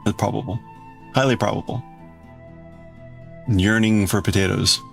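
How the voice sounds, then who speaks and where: This male livestream host rambles and exclaims while welcoming viewers and answering them, crafting and reading out their chat in a casual stream. His voice is on the low side, steady, creaky and a bit bright, and he goes a little slow with faint music in the background.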